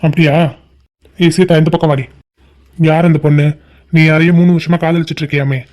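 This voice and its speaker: A man's voice: fairly high pitch, flat delivery, fairly quick, noisy background, close to an everyday voice. A man voicing a stern, angry middle-aged father in a cartoon family drama, scolding and giving orders. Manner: scolding, commanding.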